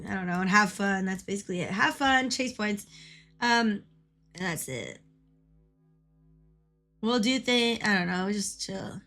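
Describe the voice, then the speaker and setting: A woman with a hoarse voice, chatting casually and excitably on a game stream, repeating phrases as she goes. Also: on the high side. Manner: swears casually. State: hoarse from coughing. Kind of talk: casual live-stream chat.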